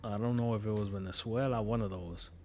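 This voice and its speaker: Streaming a game, a man speaks a little fast in a lowish, slightly mellow voice with fairly even intonation. His New York accent carries a casual, meandering chat full of swearing and easygoing stories.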